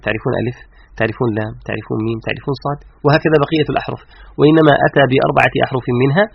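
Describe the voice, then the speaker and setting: A man explaining the Quran's letters to an interviewer, emphatic, slowing to stress each letter. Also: mid-range voice, husky. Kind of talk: explanatory religious lecture. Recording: dull lo-fi radio sound.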